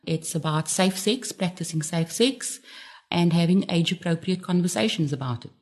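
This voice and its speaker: Casting: woman, middle-aged, lower voice, candid radio guest. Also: moderate pace. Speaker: interview guest, parent.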